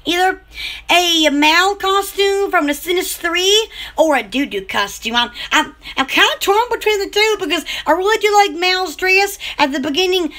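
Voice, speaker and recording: A young woman with a Southern accent, chatting excitedly on a live stream from her bedroom, squealing and rambling. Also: very high voice, moderate pace. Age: young adult. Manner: giddy, squealing, repeats herself, rambling. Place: small bedroom indoors. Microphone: webcam close up.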